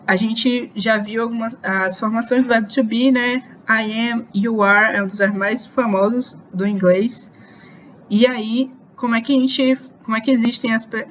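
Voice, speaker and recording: Patient woman teaching a slow, careful lesson. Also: medium pitch, a little hiss or hum, poor audio. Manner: slow, patient explanations with frequent checks for questions; slows down to spell out English example phrases. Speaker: English teacher. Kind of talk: online grammar lesson.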